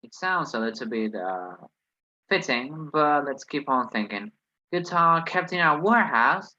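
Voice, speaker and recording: A man's voice: on the high side, sing-song, unhurried, pushed and bright, highs cut off. A man who is not a native English speaker teaches an online lesson, reasoning hesitantly through exercises with many fillers. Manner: hesitant, thinks aloud, many "well"s.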